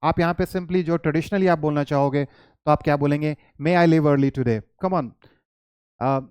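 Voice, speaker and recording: A man teaching English grammar, explaining in Hindi and reading English example sentences slowly with stress. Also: on the high side, darkish tone, smooth, no echo.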